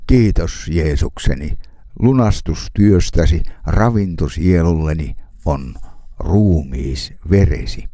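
A man giving a devotional sermon, reading hymn verses, psalms and scripture in a slow, measured way with solemn pauses. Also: low voice, warm tone, no echo, clean studio sound. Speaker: preacher.

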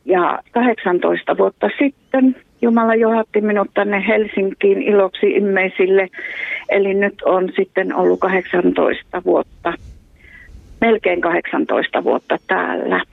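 A woman's voice: medium pitch, fairly even intonation, gravelly, no echo. A woman with a Savo Finnish accent, a guest in a radio interview, talking earnestly and laughing often. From Savo, Finland. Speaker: guest, evangelist and prayer line volunteer. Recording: tinny phone line, dry.

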